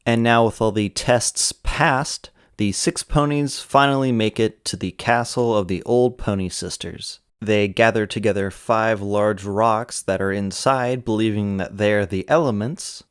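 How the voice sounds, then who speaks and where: Smooth, lower-pitched man narrating. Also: a little slow, few pauses, dry recording, studio quality. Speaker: host of a cartoon episode retrospective. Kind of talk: scripted narration, episode recap and commentary.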